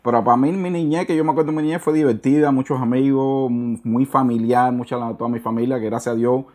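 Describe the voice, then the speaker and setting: A man's voice: medium pitch, steady tone, quick pace, darkish tone. Earnest middle-aged Cuban man. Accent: Cuban Spanish. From Cuba. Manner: earnest, searches for words, repeats himself. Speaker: interview guest. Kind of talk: casual conversational interview.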